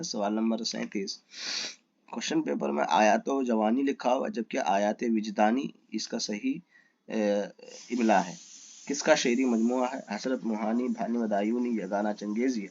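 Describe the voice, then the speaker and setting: A man teaches a lesson, going through exam questions one by one. He reads each question with its options, asks what the correct answer is, and then answers it himself. His voice sits in a middle pitch, and the recording sounds a little dull and lo-fi.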